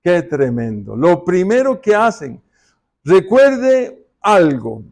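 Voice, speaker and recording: Slow-preaching pastor. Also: male voice, sits high, big pitch swings, vocal fry, darkish tone. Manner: conversational preaching with rhetorical questions to the congregation. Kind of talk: sermon. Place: church.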